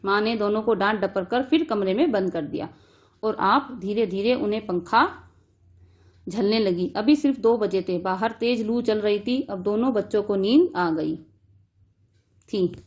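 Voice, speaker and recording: A woman's voice: medium pitch, unhurried, a little mellow. A woman teacher reading a story aloud and restating each line in simple words for students.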